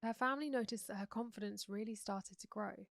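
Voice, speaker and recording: A young Englishwoman with a croaky sore throat, hosting a true crime podcast in an earnest, chatty way. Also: mid-range voice, fairly quick, a bit bright, dry recording, clean studio sound. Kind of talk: casual true crime narration.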